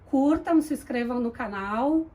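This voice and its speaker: High-pitched Brazilian woman teaching spirituality. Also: expressive, measured pace, warm tone. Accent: Brazilian Portuguese. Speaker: spiritual channel host. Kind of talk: informal spiritual teaching to camera.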